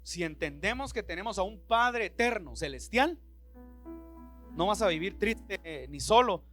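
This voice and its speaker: Bright-voiced, high-pitched preaching man. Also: expressive, measured pace, faint music behind. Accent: Central American Spanish. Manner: impassioned, acts out Bible dialogue in voices. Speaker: pastor. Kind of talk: sermon. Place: church.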